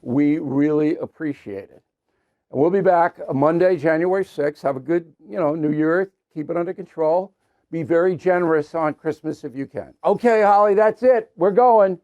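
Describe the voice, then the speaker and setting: A man's voice: on the high side, darkish tone, highs cut off. An older American man in his seventies hosting a commentary show, reading ads and chatting bluntly with his audience and his dog. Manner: brisk, blunt, conversational, talks to his dog. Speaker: news commentary host. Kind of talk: casual on-air chat and ad reads.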